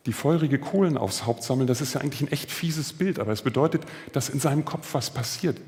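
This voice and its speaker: Male preacher, mid pitch, casual anecdotal sermon, long church-hall reverb. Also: quick pace, darkish tone. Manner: storytelling, acting out quoted voices.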